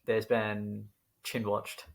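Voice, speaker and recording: A young man co-hosting a casual podcast, wry and quick to laugh at his own scripted opening. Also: lowish voice, monotone, vocal fry. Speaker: podcast co-host.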